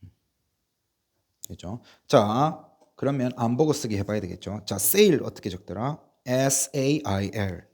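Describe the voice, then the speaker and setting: A male English teacher running a patient spelling drill, spelling words out slowly letter by letter and coughing now and then from a sore chest. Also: medium pitch, lively intonation, darkish tone. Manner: patient, repetitive, asks and answers himself. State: coughing, bronchial trouble. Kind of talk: slow spelling drill lesson.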